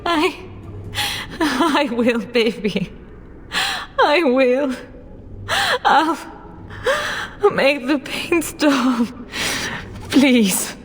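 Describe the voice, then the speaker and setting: A woman's voice: medium pitch, slow pace, pauses often, darkish tone, a little hiss or hum, natural voice. An actress playing a desperate, grief-stricken noble mother in a fantasy video game, with a pleading, emotional delivery. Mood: tender. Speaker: noblewoman character.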